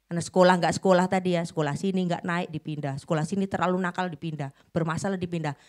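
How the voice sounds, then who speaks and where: A middle-aged woman preaching a sermon, telling a story dramatically and swinging between loud bursts and hushed lines. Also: lowish voice.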